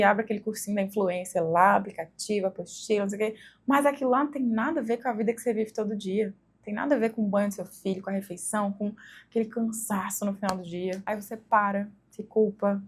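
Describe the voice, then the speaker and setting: Chatty Brazilian woman teaching, slightly high. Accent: Brazilian Portuguese. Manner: conversational, with frequent tag questions. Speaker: English teacher for mothers. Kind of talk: instructional video talk to the camera.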